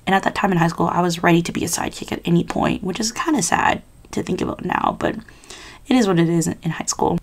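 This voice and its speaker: A woman's voice: on the low side, fast. A young adult woman vlogger chatting casually and giving personal advice in an informal, rambling, confiding way.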